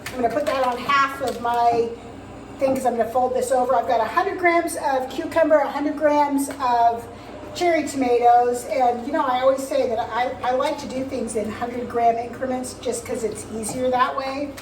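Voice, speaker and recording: A woman chatting casually in a home vlog, talking through her cooking and shopping in a relaxed, rambling way with frequent ums. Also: high-pitched, normal speed, a little hiss or hum, rough recording. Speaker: vlogger. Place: home kitchen.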